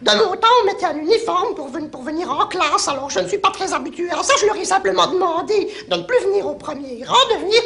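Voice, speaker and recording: A prim, old-fashioned schoolteacher, as a woman plays her in a spoof news report. Her voice sits very high with a gravelly fry, and she talks in a fussy, proper way. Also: expressive, quick pace, few pauses, a bit bright, a little hiss or hum, full character voice. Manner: fussy and prim, with small laughs.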